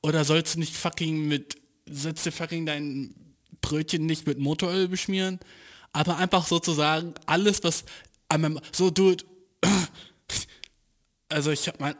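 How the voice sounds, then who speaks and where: A young man telling a mocking story in a loose, rambling rant, full of swearing and slang. His voice sits somewhat high for a man. He keeps cracking himself up as he goes. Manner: profane, slangy, mocking, breaks into laughter. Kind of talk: casual ranting anecdote.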